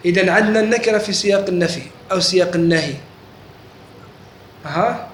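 A man's voice: sits high, fast, fairly bright tone. A man giving a classroom religious lesson, often stopping to ask students if they follow. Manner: keeps checking students understand, asks questions. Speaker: religious teacher. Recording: echoey room with faint noise.

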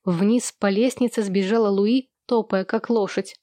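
A woman's voice: mid-range voice, steady tone, unhurried, dark tone, no echo, clean studio sound. A woman narrating a novel as an audiobook, voicing every character herself. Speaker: audiobook reader. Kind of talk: scripted narration.

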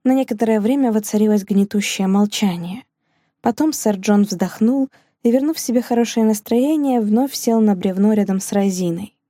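A woman reading an audiobook in a calm, measured storytelling voice. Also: medium pitch, no room sound, clean studio sound. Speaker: audiobook narrator. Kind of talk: scripted narration.

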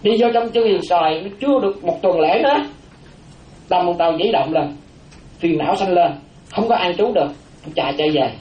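A man's voice: sits high, expressive, fairly quick, dull audio. A man, a Buddhist monk giving a dharma talk, repeating key phrases and checking in with his listeners through rhetorical questions. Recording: roomy echo with faint ambience.

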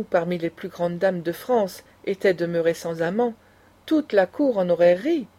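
A proud, scornful old grandmother of noble taste, lecturing with passion, as a woman reads her. The voice is mellow and dark in tone, with a middle pitch. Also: natural voice. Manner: impassioned, lecturing.

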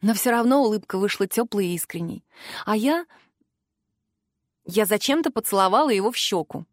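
A woman narrating a fantasy novel in the first person with a soft, expressive delivery into a close microphone. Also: mid-range voice, normal speed, no room sound. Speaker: audiobook narrator.

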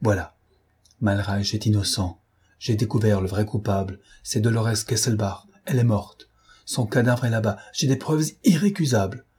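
A man playing a fierce, commanding gentleman thief in an audiobook, speaking urgently and imperiously. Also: fairly low pitch, normal speed, husky.

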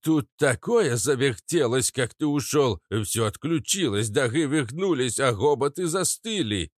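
A man voicing a big, blunt brute with a booming voice and mangled consonants. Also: lively intonation, measured pace, dry recording, studio quality. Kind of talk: audiobook character voice.

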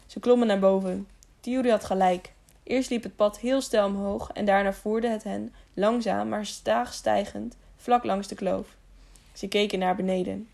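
A woman narrating an adventure audiobook at a middling pitch. She tells the story steadily and now and then restarts a word. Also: unhurried, vocal fry. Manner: even storytelling with small slips and restarts. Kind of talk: scripted narration.

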